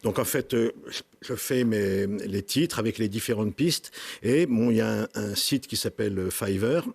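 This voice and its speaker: A French man, a songwriter guest on a talk show, speaking in a halting, self-deprecating way with frequent restarts. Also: fairly low pitch, creaky, a little mellow, slightly rough, dry recording. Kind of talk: casual interview.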